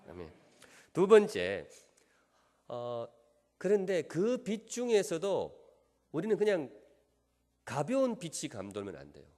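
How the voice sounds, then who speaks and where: A man's voice: lowish voice, darkish tone. A middle-aged man from Gyeongsang Province, a pastor with a Gyeongsang accent, preaching a sermon and teasing the congregation with questions and jokes. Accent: Gyeongsang Korean. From Gyeongsan, Gyeongsang Province, South Korea. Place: large church sanctuary. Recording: long church hall reverb.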